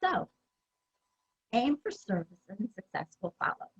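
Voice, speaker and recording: Husky-voiced woman giving a talk. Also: mid-range voice, very animated, a little slow, lo-fi sound. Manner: conversational, many fillers and restarts. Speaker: presenter at a user group meeting. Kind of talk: conference presentation.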